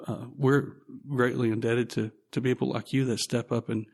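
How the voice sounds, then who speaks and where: A man hosting a podcast interview, speaking earnestly and with emotion, in halting phrases. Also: medium pitch, level tone, creaky. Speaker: podcast host. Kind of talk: casual interview.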